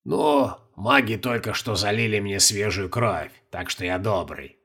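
A shrivelled old ruler, put on by a male audiobook narrator, speaks in a low, creaking voice with slow, clipped commands. He sounds ancient, cold and used to being obeyed, his voice pulled back and hushed. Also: full character voice. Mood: imperious. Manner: slow, curt, imperious. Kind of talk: audiobook character voice.

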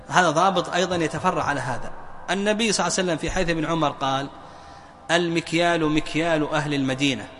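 High-pitched guy teaching a class, keeps asking the room questions and stretching words out, echoey hall. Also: a bit bright, slight background noise. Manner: quizzes students with repeated questions, stretches key words slowly. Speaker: Islamic jurisprudence teacher. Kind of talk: classroom lesson.

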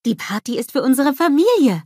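A woman voicing a gentle young queen in a storybook, calmly explaining. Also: high-pitched, a little fast, no room sound, clean studio sound, voice pushed up.

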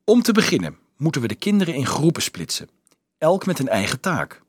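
A man's voice: fairly high pitch, very animated, fairly quick, slightly rough, no echo, studio quality, pitched above the performer's own voice. A man voicing a resolute teenage boy leader who lays out plans firmly in an audiobook. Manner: firm, explaining, sometimes angry.

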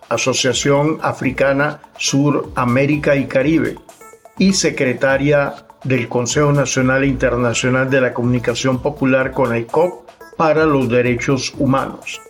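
A male radio host with an ordinary mid-pitched voice, reading his introductions and questions in a formal broadcast manner. He sounds like he is working from a prepared script, speaking in even, measured phrases. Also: soft background music. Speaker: podcast host.

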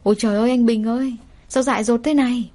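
A woman voicing a helpful grown man next door who gives hurried, urgent orders. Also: on the high side, lightly acted. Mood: urgent alarm. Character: worried adult male neighbor, helpful.

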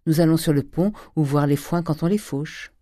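Woman doing a prim devout middle-aged mother, storybook, low voice, dry sound. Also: moderate pace, warm tone, no echo. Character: pious, timid middle-aged provincial mother.

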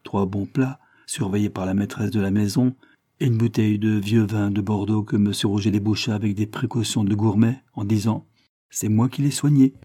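A man narrating a classic short story in a measured, even audiobook reading. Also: on the low side, slightly rough, dry recording, studio quality.

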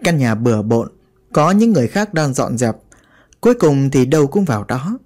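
A man's voice: mid-range voice, very animated, moderate pace, darkish tone. A man narrating a horror story in a dramatic, vivid way.

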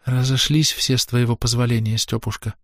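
A timid, frightened wife who speaks softly and tries to placate, as a male narrator puts her on. The voice lifts a little above his own, close and dry. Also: medium pitch, fairly quick, no echo, voice pushed up, natural voice.

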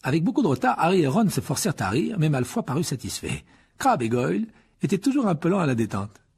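A man reading a children's novel aloud as narrator, in a measured, steady manner with a raspy voice. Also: on the high side. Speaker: audiobook narrator. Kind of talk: scripted storybook narration.

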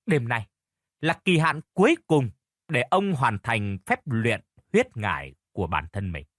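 A man narrating a dramatic audiobook tale in an expressive storytelling manner. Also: a little slow, no echo, studio quality. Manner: expressive storytelling, lively pitch.

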